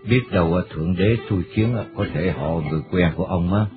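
Guy doing a jolly american man, friendly drawl, low voice, thin am radio. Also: quick pace, music in the background, close to an everyday voice. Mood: jovial. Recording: tinny medium-wave radio broadcast.

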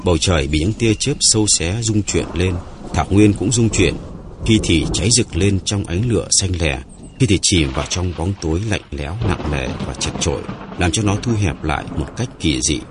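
A man narrating an audiobook story in a measured, dramatic reading. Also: low voice, lively intonation, background noise.

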